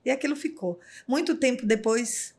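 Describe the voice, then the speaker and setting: A woman's voice: fairly high pitch, moderate pace, darkish tone. A middle-aged woman from Brazil, a podcast guest, earnestly telling a personal story with many fillers.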